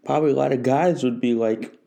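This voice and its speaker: A mid-range, gravelly, warm voice moves fast as this man in his forties hosts a solo podcast in a casual way. Rambling and repetitive, he frequently restarts phrases.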